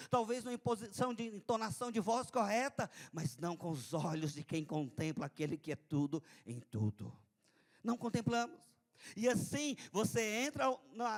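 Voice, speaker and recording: A high-pitched man preaching a sermon in a church service. He keeps repeating phrases and tags them with a quick "né". His delivery rises from hushed lines to loud, fervent ones. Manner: preaching with swings from quiet to loud; repeats phrases and adds "né" often. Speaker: pastor.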